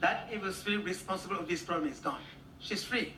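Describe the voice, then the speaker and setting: A man's voice: high-pitched, quick pace. A man leading a healing service as pastor, giving short commanding orders in non-standard English. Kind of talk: prophetic healing ministration. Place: large church hall. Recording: echoey hall, distant mic, faint noise.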